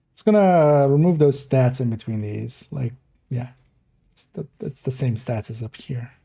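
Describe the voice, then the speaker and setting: Speaking in a mid-range, gravelly voice that is mellow and dark, a young man from the Netherlands chats on a live stream. He thinks aloud as he works, drifting loosely and unhurriedly from one point to the next.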